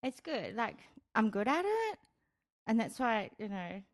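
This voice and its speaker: A woman's voice: on the high side, very animated, unhurried. A woman from Australia with a Brisbane accent, chatting casually and frankly as an interview guest. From grew up in Australia. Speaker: guest, Japanese interpreter-translator. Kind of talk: casual chat.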